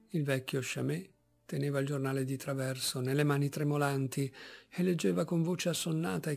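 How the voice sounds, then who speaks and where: Man, audiobook narration, gravelly voice, faint music behind. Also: a little high. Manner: measured, expressive storytelling. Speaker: audiobook reader.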